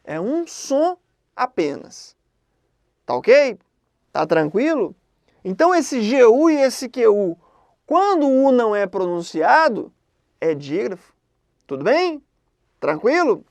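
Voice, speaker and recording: A woman teaching an exam-prep grammar lesson in a conversational way, often checking in with quick questions. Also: on the high side, sing-song, a little mellow, no echo.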